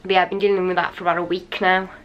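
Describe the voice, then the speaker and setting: A woman chatting casually to her camera in a hotel room, slightly raspy and a little wheezy from a cold, rambling and tired. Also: on the low side, level tone, racing, lo-fi sound. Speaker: vlogger. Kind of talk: casual vlog chat to camera. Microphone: handheld camera.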